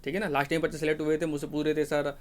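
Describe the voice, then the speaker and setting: A man's voice: a little high, flat delivery, rapid-fire. A man teaching job aspirants in a casual, repetitive advising way, often checking in with "ठीक है ना". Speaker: exam guidance teacher. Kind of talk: informal Hindi explainer for job aspirants.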